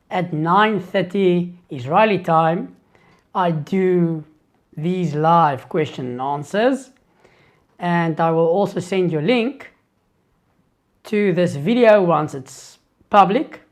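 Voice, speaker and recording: With a high voice, a South African man who grew up speaking Afrikaans sincerely tackles viewer questions in a live Q&A stream, breaking off and restarting while he gathers his thoughts.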